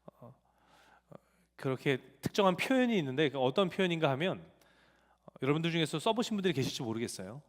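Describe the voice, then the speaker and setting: A man's voice: fairly high pitch, big pitch swings, quick pace, long pauses. A male pastor preaching a sermon in a church sanctuary, telling family stories in a conversational way. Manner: conversational storytelling with family anecdotes. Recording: long church hall reverb.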